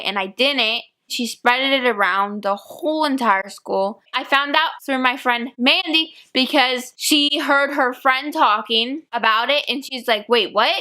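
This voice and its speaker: Young woman, high and bright, animated storytime vlogger who acts out the quotes. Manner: animated retelling with acted-out quotes. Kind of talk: storytime vlog.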